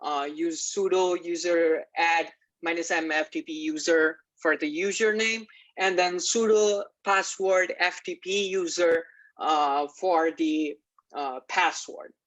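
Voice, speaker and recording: A man's voice: on the high side, fairly even intonation, slow, fairly bright tone, rough recording. A young man from Nepal giving a class project presentation, walking through technical steps with many "like" and "uh" fillers. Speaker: student presenter.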